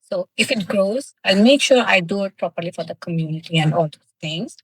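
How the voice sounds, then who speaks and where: A woman's voice: medium pitch, animated, a little fast, breathy edge, rough recording. A woman from South India, a native Tamil speaker with a thick South Indian accent, answering interview questions in an earnest, emphatic way. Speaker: interview guest, cosmetics business founder.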